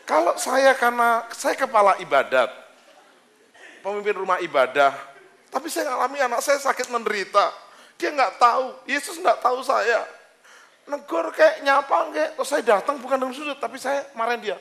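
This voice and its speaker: A man preaching a lively, joking sermon as pastor, bantering with the congregation on a handheld mic. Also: very high voice, moderate pace, creaky. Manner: joking, teasing, talks casually with listeners. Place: church service hall.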